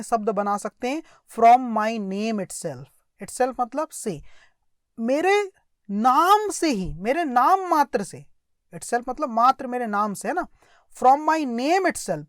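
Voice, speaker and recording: Explaining a translated story one phrase at a time, a woman with an Indian accent teaches English and frequently repeats herself to make sure students follow. Her voice is a little high, with clean studio sound and no room sound.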